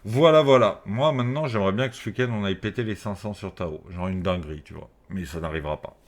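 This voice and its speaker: A man's voice: fairly low pitch, quick pace. A man speaking through a face mask, giving casual, off-the-cuff market commentary to his viewers in informal, slangy language with some swearing. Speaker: crypto trading video host.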